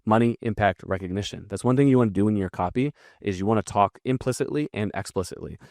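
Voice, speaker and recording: A man's voice: lowish voice, quick pace, creaky, darkish tone, no room sound, clean studio sound. A man teaching copywriting in a casual breakdown, talking bluntly and swearing freely. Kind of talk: casual screen-share breakdown.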